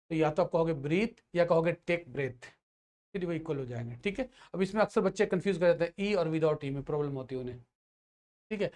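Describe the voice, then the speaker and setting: A man's voice: on the high side, darkish tone. Hindi-speaking male grammar teacher. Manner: explains patiently, repeats checks like "theek hai"; mixes English phrases into Hindi. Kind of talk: grammar lesson for exam students.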